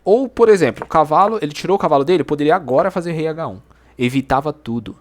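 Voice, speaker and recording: A man talking through his own chess game in slangy, animated commentary, often exclaiming at the moves. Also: a little high, quick pace, slight background noise. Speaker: chess YouTuber.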